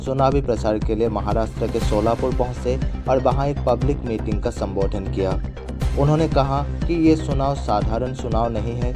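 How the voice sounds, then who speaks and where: A man's voice: mid-range voice, normal speed. A man reading scripted news narration as an introducing narrator. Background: loud background music.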